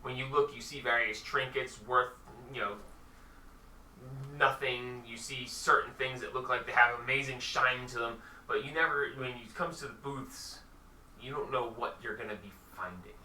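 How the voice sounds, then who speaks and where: Halting game master in an echoey room. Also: male voice, medium pitch, fairly even intonation, pushed and bright, recorded from a distance, slight background noise. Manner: halting, with many fillers. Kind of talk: narrating a tabletop game.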